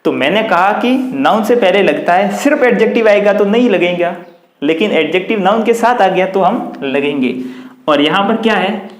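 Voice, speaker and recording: A man with a Hindi accent teaching English grammar, explaining slowly and dictating example sentences word by word. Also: high-pitched, animated, roomy sound. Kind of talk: classroom-style grammar lesson.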